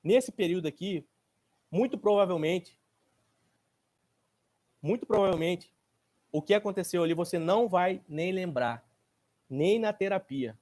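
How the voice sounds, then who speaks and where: A man gives a motivational workshop talk, his voice pitched notably high for a man. He speaks in a colloquial, emphatic way, posing rhetorical questions and answering them himself. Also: lively intonation, a little slow, pauses often, a little mellow. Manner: casual colloquial phrasing, repeats points for stress. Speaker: therapist and speaker.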